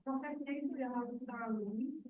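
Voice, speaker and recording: A woman's voice: high voice, brisk. A woman from the audience asking a question, hesitant and searching for words. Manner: hesitant, many fillers and restarts. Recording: distant, phone-like with hiss.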